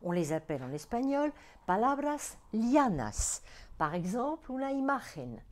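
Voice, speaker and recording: A woman, a Spanish teacher, giving a recorded grammar lesson, speaking clearly and deliberately and stressing each example word. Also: mid-range voice, sing-song, darkish tone.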